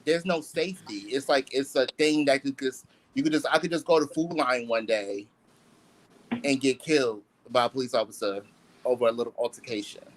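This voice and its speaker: A man's voice: medium pitch, fairly even intonation, a little fast, a little hiss or hum, poor audio. A man in a casual group discussion, talking in a weary, worn-out way.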